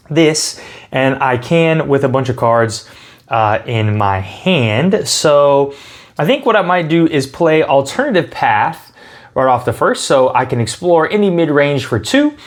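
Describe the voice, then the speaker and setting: A man hosting a casual tabletop game walkthrough, explaining the rules step by step and thinking aloud as he plays. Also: fairly high pitch. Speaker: host explaining and playing a card game.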